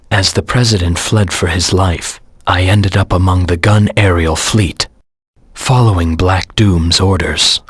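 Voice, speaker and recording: A man voicing a brooding, vengeful hedgehog antihero in a video game, terse and stern, with a gravelly, husky low voice. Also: fairly bright tone, dry recording, studio quality, full character voice. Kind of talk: dramatic video game voice acting.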